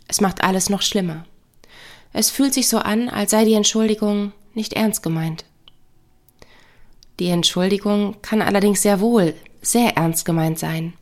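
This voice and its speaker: A woman who works as a counselor and couple therapist, talking calmly and reflectively in a podcast monologue. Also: medium pitch. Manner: calm, measured, reflective.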